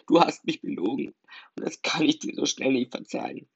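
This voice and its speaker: A man voicing a hurt, tearful teenage schoolgirl in a storybook reading, raising his voice high and loud over a dull lo-fi recording. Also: fairly quick, gravelly, breathy edge, dry recording. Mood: hurt, accusing.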